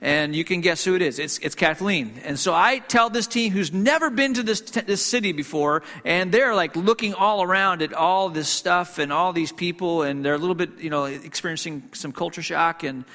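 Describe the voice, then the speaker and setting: A man from Hong Kong tells a story as a pastor in a sermon, his voice bright and forceful with a slightly high pitch. He talks conversationally, with frequent fillers and restarts. The sound carries a long reverb from a church hall. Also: moderate pace, few pauses.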